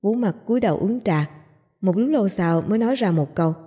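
Woman, novel narration, dark mellow tone, husky, steady. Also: medium pitch, brisk. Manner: steady storytelling, voices each character. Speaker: audiobook narrator.

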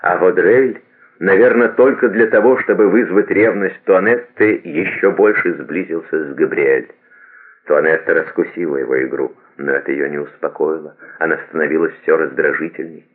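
Very deep-voiced man reading a novel. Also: moderate pace. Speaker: audiobook narrator. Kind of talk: novel narration. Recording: tinny phone-like lo-fi audio.

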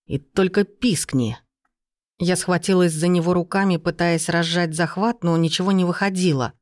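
Fantasy audiobook narrator, even delivery, dry close recording. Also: mid-range voice, fairly quick, no echo.

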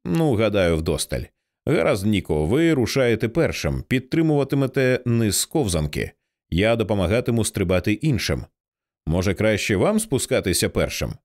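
A man reading aloud, voicing a practical, level-headed male pilot who gives calm, businesslike instructions. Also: lowish voice, normal speed. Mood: firm.

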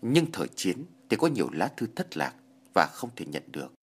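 A man narrates a horror story in a low, husky voice, his pitch rising and falling widely. He tells it in an expressive, dramatic way. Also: normal speed.

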